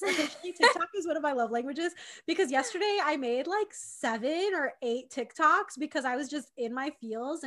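A young woman in her twenties chats on a podcast with effusive energy and casual swearing. Her voice sits a bit high and rings bright and forceful. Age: 20s. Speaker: podcast co-host. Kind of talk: casual chat.

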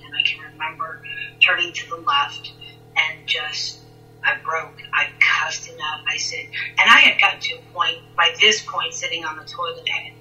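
Bright distant-sounding woman telling her story. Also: deep voice. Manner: halting, repeats words, intense. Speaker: guest. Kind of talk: personal storytelling in conversation.

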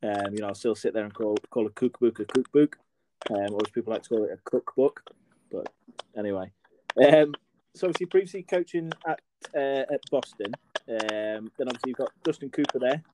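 English host over noisy keyboard typing. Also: male voice, mid-range voice, a little fast. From England. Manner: chatty and friendly, with fillers. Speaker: podcast host. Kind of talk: casual chat interview.

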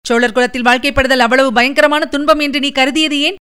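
A woman's voice: sits high, fairly even intonation, sharp tone. A woman reading the part of a composed royal princess in an audiobook, speaking firmly and with dignity. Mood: dignified. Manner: dignified, firm, measured.

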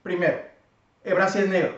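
Insistent high-voiced Mexican man. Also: steady tone, brisk. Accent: Mexican Spanish. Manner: insistent, fillers every phrase. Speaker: podcast co-host. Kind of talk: casual debate. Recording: echoey room, distant mic, dull sound.

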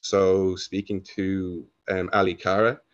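A man's voice: low-pitched, little pitch movement, slow, dry recording. A young Irish man telling his story as a podcast guest, in a laid-back, rambling way that keeps correcting itself. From Ireland. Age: young adult. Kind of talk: casual interview storytelling. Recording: dull lo-fi dry sound.

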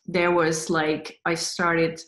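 A woman guest in a casual spiritual interview, rambling with many "like" fillers and soft laughs. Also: low voice, completely flat delivery, takes it slowly. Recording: roomy echo.

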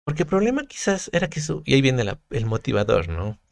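A man speaking as a guest on a podcast, his voice gravelly with a low vocal fry. He talks earnestly and reflectively, leaning hard on his points as he works through his thoughts. The recording is dry and close, with no room sound. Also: big pitch swings, fast talker, no room sound. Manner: earnest, reflective, emphatic storytelling with restarts. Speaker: podcast guest, content creator. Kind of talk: casual podcast conversation.

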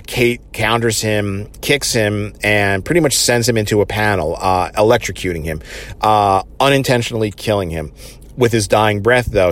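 A man casually recapping a TV episode, rambling along with many fillers like "you know" and "uh". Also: lowish voice. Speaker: TV episode reviewer.

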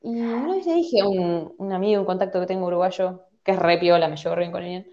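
A woman with an Argentine Spanish accent, telling stories in a casual chat and putting on mock voices. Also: fast. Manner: animated storytelling with squeaky mock voices. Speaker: podcast co-host. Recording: dull lo-fi audio.

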